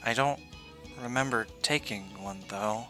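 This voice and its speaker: A man's voice: medium pitch, measured pace, pushed and bright, soft background music. A man streaming a video game, reading story text aloud and adding casual commentary.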